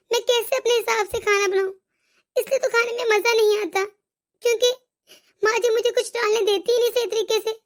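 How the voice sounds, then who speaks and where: A woman voicing a young daughter-in-law in an animated moral story, complaining and pleading. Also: very high-pitched. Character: young wife, hurt and fed up.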